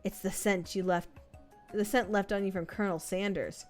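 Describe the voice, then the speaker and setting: A woman's voice: medium pitch, steady tone, moderate pace, faint music behind. A woman streamer reading a dating game aloud, playful and joking as she goes.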